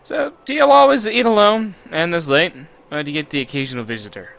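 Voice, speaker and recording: A man's voice: a little high, brisk, gravelly, a bit bright. A man voicing an awkward, polite teenage schoolboy who hesitates and stumbles.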